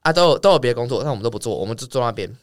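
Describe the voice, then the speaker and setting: A man's voice: medium pitch, no echo, clean studio sound. A young man, telling a story in a casual chat, swearing freely as he talks. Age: young adult. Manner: rapid, swearing, animated anecdote telling. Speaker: guest.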